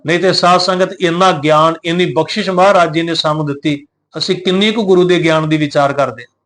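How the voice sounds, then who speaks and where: A man teaching scripture, reciting verses slowly and drawn out, then explaining them plainly and giving pronunciation guidance. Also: fairly high pitch, fairly even intonation, fairly bright tone. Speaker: Gurbani teacher.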